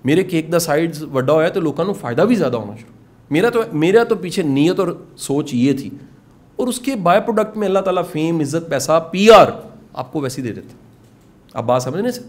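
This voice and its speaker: Earnest Punjabi-accented man, fairly high voice. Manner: earnest, urging, mixes in English phrases and Punjabi asides. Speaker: motivational speaker teaching a course. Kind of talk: informal talk to course participants. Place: indoor classroom with participants.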